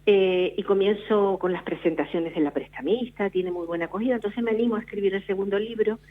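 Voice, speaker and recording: A woman's voice: mid-range voice, fairly quick. Novelist woman on a phone line. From La Palma, Canary Islands. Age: middle-aged. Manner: reflective storyteller with frequent restarts. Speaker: novelist, interview guest. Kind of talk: radio interview.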